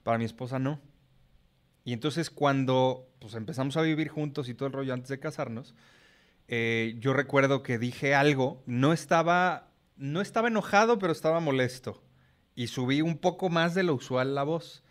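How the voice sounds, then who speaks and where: A middle-aged man with a Mexican accent explains himself frankly in a casual podcast chat. His voice sits in a middle pitch, and he swears now and then without any fuss. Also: fairly even intonation, normal speed. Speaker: podcast guest.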